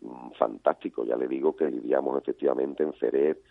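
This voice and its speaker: A man's voice: a bass voice, fairly even intonation, fairly quick, creaky, no echo. A man, a cattle breeder answering interview questions hesitantly, often repeating words. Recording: dry, phone-like line.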